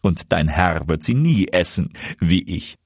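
Brief: man playing a scornful stranger, husky, drawn-out delivery. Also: sits low, lively intonation, darkish tone, no echo, studio quality, voice pushed down, heavily acted. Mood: mocking. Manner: slow, sneering. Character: sly mocking foreign guest, male.

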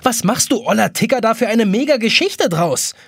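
A man's voice: sits high, very animated, normal speed, breathy edge, no room sound, studio quality, pitched above the performer's own voice, full character voice. Man voicing an impatient, hot-tempered boy. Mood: angry. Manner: impatient, snaps and shouts. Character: impatient stubborn young boy, quick to anger.

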